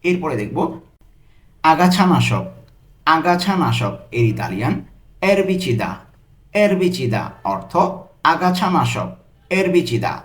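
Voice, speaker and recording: A man with a somewhat high voice leads a slow vocabulary drill, stretching out each foreign word and repeating it with its meaning. He speaks at a very unhurried pace, like a patient tutor. The recording has a noticeable echo from the room. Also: big pitch swings. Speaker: language tutor.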